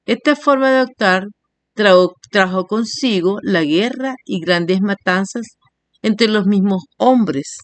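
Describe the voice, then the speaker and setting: Woman, primary teacher, recorded lesson, slow syllable-by-syllable examples, middle pitch, dry sound. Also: dry recording. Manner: slow, spells words out syllable by syllable; reads definitions and examples in a steady teaching voice.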